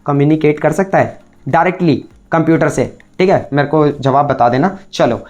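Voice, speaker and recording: A man's voice: fairly high pitch, a little mellow. A male teacher giving a recorded lecture, explaining step by step and constantly checking in with the class through rhetorical questions. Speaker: computer science teacher.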